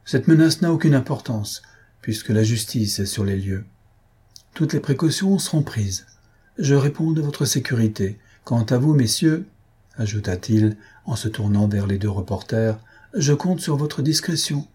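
A man's voice: medium pitch, lively intonation, a little slow, warm tone, husky. A man voicing a stern, suspicious middle-aged investigating judge in an audiobook, with curt, probing questions. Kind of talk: audiobook character reading.

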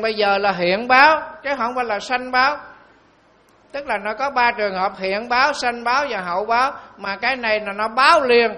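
Monk telling stories. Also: male voice, sits high, bright, forceful tone. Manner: storytelling, slow and emphatic on key phrases. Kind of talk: sermon.

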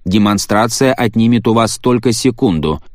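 A man voicing a broken male sales robot that repeats its greetings slowly like a skipping record. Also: fairly low pitch, animated, darkish tone, no echo, studio quality, close to an everyday voice. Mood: glitching cheerful. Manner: metallic, repetitive, slow and halting. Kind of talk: audiobook reading.

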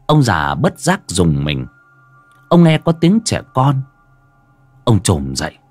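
A man narrating a horror story with dramatic, suspenseful pacing and sharp rises and drops. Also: fairly low pitch, huge pitch swings, slow, dry recording, soft background music.

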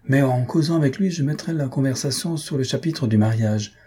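A husky-voiced man reading aloud, voicing a scheming, self-important middle-aged mother in a storybook. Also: mid-range voice, fairly quick, mellow, pitched above the performer's own voice, close to an everyday voice.

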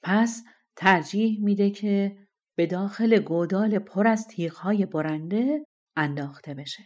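A woman narrating a fairy-tale audiobook in an expressive storytelling manner. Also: medium pitch.

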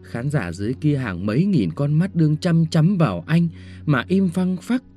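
A man's voice: a little high, animated, moderate pace, mellow, faint music behind. A man reading a short story aloud as an audiobook narrator, telling it expressively and shifting tone with each scene.

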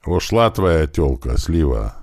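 A man's voice: rumbling low, very animated, takes it slowly, a little mellow, no echo, clean studio sound, full character voice. A man voicing a teasing, mocking man in an audiobook.

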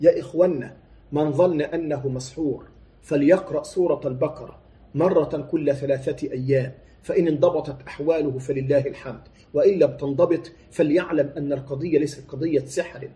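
Fast-talking Egyptian preacher, mellow voice. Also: male voice, on the high side, fairly even intonation. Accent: Egyptian Arabic. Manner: mixes classical recitation with colloquial explanation, rhetorical questions. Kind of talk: sermon.

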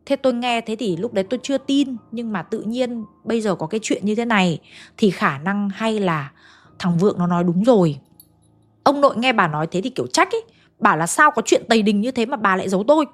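A woman's voice: medium pitch, lively intonation, a little fast, faint music behind. A woman, casually narrating a ghost story she retells from a listener. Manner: chatty, retells a listener's story in colloquial northern speech.

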